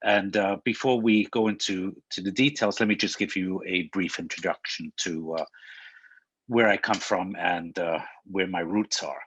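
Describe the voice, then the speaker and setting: A man from Hong Kong giving a webinar presentation over a video call, halting and often restarting his words. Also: sits low, fairly even intonation, fairly bright tone, husky, dry recording. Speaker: panelist presenter.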